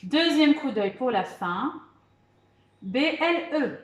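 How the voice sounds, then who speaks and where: Patient woman teacher spelling slowly. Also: high voice, lively intonation, echoey room. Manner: slow, patient, spells words letter by letter; encouraging, repeats "d'accord" and "très bien". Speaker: primary school teacher. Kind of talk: remote spelling lesson for children.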